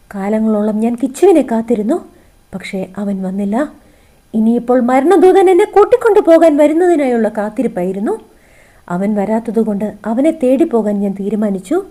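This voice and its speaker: A woman's voice: on the high side, animated, a little fast, dark tone, natural voice. A woman reading as a sorrowful, resigned middle-aged woman. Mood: sad, resigned.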